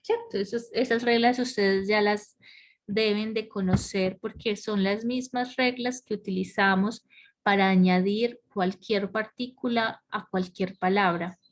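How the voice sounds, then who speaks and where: Slow-paced woman teaching grammar online. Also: mid-range voice, steady tone. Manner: explains step by step, checks understanding with frequent questions. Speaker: English teacher.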